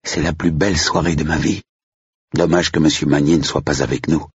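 Grateful little boy, voiced by a man in a storybook; gravelly, dry close sound. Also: rumbling low, fairly even intonation, fairly quick, dry recording, muffled recording, exaggerated voice. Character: young boy, eager and grateful.

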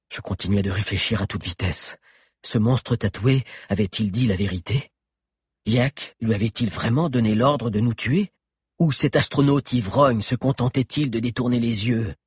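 A man narrating a story in the first person, steady and dramatic. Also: fairly low pitch, slightly rough, dry recording, clean studio sound. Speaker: audiobook narrator.

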